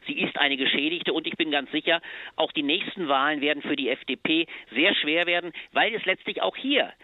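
A man's voice: fairly high pitch, a little fast, no room sound. A male political commentator giving an emphatic analysis in a radio interview. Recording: phone-like line.

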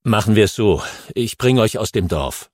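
A man's voice: on the low side, expressive, no room sound. A man reading a nervous old farmer. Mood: agitated, cautious. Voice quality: gravelly, husky. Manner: agitated, hurried. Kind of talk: audiobook reading.

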